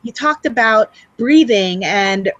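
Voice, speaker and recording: A woman's voice: a little high, expressive, takes it slowly, a bit bright, no room sound, dull audio. A woman hosting an online interview, upbeat and affirming as she relays questions. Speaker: interview host.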